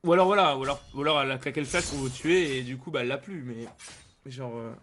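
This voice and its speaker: A man's voice: mid-range voice, fast, fairly bright tone. A man streaming a video game with casual, rambling commentary full of gamer slang and repetition. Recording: clear background noise.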